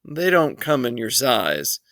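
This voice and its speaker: A man reading aloud voices a patient, polite shoe salesman who talks slowly and coaxingly. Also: medium pitch, big pitch swings, a bit bright, no room sound, studio quality, heavily acted.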